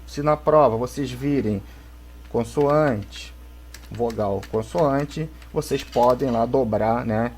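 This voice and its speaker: A man's voice: medium pitch, darkish tone. Brazilian man teaching English to kids. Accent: Brazilian Portuguese. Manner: explains slowly, checks in with "tá?" and "né?". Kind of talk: recorded remote lesson. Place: home, for a video lesson.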